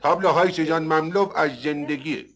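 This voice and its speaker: A man's voice: on the high side, steady tone, a bit bright, natural voice. An actor dubbing a pompous male art professor who lectures and scolds his students. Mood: lecturing. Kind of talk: dubbed film dialogue.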